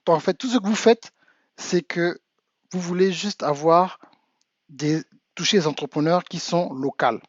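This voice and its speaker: This high-voiced business coach, an African man living in the United States, talks a little slowly and pauses often. His insistent address to his audience rises to emphatic urging, in lo-fi sound with no room echo.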